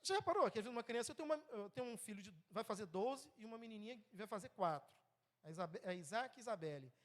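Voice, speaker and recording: A Brazilian man in his thirties preaches a sermon in a church, his fairly high voice swinging between loud and soft. He talks to the congregation in a chatty way and keeps checking in with them. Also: expressive, quick pace. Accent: Brazilian Portuguese. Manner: conversational, asks the congregation "né?" often.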